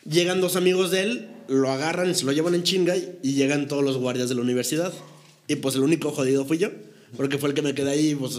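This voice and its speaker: A Mexican man in his thirties telling a long story in slangy, swearing casual chat with friends. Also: a little high.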